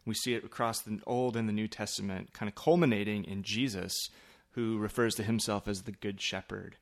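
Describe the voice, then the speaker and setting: A man hosting a podcast in a casual, explanatory way, with halting, thoughtful phrasing. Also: on the low side. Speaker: podcast host, church pastor.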